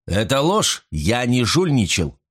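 A man's voice: medium pitch, big pitch swings, slow, breathy edge, pitched above the performer's own voice, exaggerated voice. A man voicing a panicking male card cheat who protests and begs in a raised, strained voice. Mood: desperate pleading. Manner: desperate, protesting.

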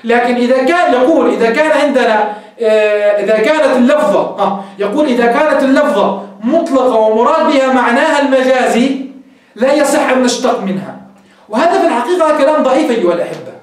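A man's voice: extremely high pitch, animated, quick pace. A man teaching a class on Islamic legal theory, explaining step by step and asking rhetorical questions he answers himself. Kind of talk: classroom lecture. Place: classroom with a whiteboard. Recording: echoey room, mic far off.

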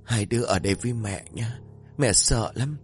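A man's voice: moderate pace, husky, soft background music, lightly acted. A male storyteller voicing a frightened young wife haunted by visions, trembling and pleading in a raised voice. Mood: fearful. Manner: trembling, pleading, higher put-on voice.

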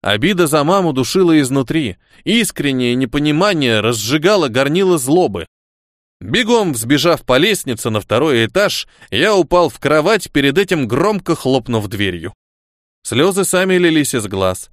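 Man, audiobook narration, animated pitch, dry close sound. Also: moderate pace, dry recording. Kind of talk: scripted first-person narration.

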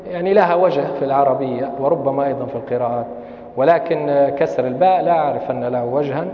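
A man with a Libyan Arabic accent, a sheikh giving a classroom lecture on Islamic law, explaining carefully and reciting examples. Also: on the high side. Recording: echoey hall, dull lo-fi sound.

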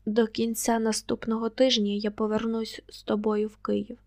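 A woman's voice: on the high side, flat delivery, normal speed, warm tone, lightly acted. A woman voicing a tired, troubled young man speaking tersely to his lover. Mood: weary.

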